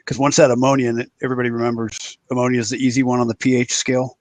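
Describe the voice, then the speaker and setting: A man's voice: mid-range voice, flat delivery, very fast, darkish tone, no room sound. A man hosting a podcast, explaining incidents in a casual, conversational way. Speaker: podcast host.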